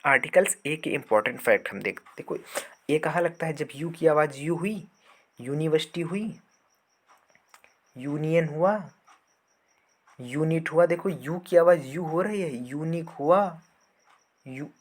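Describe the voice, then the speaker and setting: A man teaching a grammar lesson, explaining patiently, repeating words and sounds, and asking and answering his own questions. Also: fairly high pitch.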